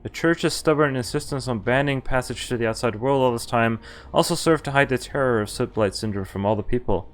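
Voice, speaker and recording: Speaking a little fast at medium pitch, this streamer reads a visual novel's text aloud. Between lines he drops in casual comments and reactions.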